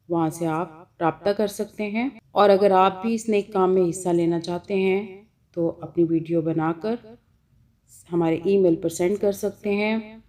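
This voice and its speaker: A woman's voice: on the low side, darkish tone. A woman with a Pakistani Urdu accent teaching Quran reading online, patiently repeating each sound.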